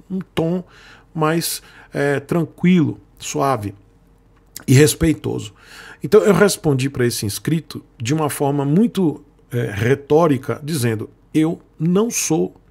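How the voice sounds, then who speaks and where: With a slightly high voice that's darkish, breathy-edged and marked by vocal fry, a Brazilian man addresses his viewers as "gente." A sponsored motorcycle creator, he talks casually and at great length in Brazilian Portuguese, repeating and circling back.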